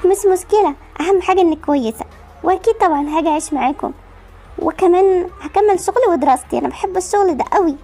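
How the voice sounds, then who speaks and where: Generous young Egyptian woman, voiced by a woman, cheerful and reassuring, high voice. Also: fast talker, warm tone. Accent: Egyptian Arabic.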